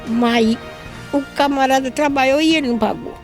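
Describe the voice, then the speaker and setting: Older woman with a gravelly voice, testifying. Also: high voice, moderate pace, soft background music. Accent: Northeastern Brazilian. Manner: emotional, repeats herself, quotes others in her story. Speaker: mother giving a testimony. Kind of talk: religious testimony, storytelling.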